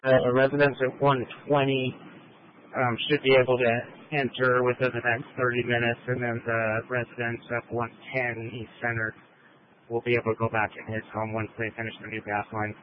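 Flat-voiced man over police radio. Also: medium pitch, moderate pace, a little hiss or hum. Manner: clipped procedural radio talk. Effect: police radio transmission. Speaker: emergency responder on scene. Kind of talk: radio traffic report. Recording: tinny narrowband radio.

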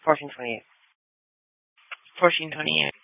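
A man's voice: a little high, unhurried, creaky, no echo. A man working as a police dispatcher, reading clipped call signs and addresses over a police radio channel. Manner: clipped, flat call-sign delivery. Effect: police radio transmission. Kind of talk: terse radio dispatch calls. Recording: dry, dull lo-fi police radio.

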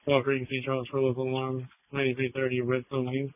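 Man on police radio, monotone, brisk clipped delivery. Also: medium pitch. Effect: police radio transmission. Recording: narrow phone-like police radio.

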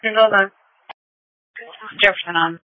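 Brief: dispatcher on a police radio, level and monotone, dry, dull muffled sound. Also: medium pitch, a little slow, no room sound. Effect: two-way radio transmission. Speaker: emergency dispatcher. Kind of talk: clipped dispatch radio calls.

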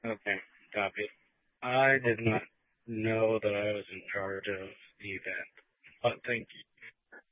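A man's voice: on the low side, fairly even intonation, takes it slowly, long pauses, no echo. A man talking over a walkie talkie, coordinating units in terse radio language with dry humor. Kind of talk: radio traffic. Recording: tinny, dry two-way radio.

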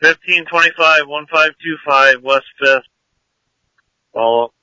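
A police officer talks over a police radio, a man giving short, clipped codes. His voice is bright and sharp, yet it comes through dull and distant, dry with no room around it. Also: fairly high pitch, measured pace, smooth, dry recording. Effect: police radio transmission.

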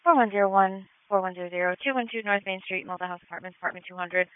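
Police radio operator: mid-pitched, rapid, clipped and procedural, on a muffled channel. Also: smooth, no room sound.

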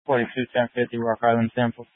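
A man's voice: mid-range voice, completely flat delivery, quick pace, no room sound. A male police officer on the radio calls in a plate and location in terse, clipped radio codes. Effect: police radio transmission. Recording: tinny, dry two-way radio.

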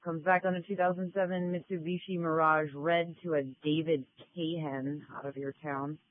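A man's voice: fairly high pitch, flat delivery, moderate pace, no echo. Man dispatching over tinny police radio. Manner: clipped, procedural reading of records. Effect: police radio transmission.

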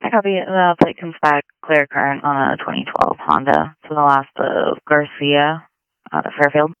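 A male police dispatcher on a tinny, narrow-band police radio channel with a dry sound. His voice sits fairly high and moves lively across its range as he clips through codes, plates and case numbers. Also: clean tone, dry recording. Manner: clipped, brisk radio codes.

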